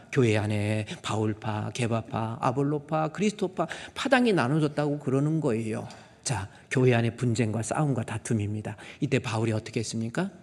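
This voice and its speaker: Husky male pastor preaching in echoing church. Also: mid-range voice, a little mellow. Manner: emphatic, rhetorical questions, acts out quotes. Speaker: senior pastor. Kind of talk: sermon. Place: church sanctuary. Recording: long reverb of a church hall.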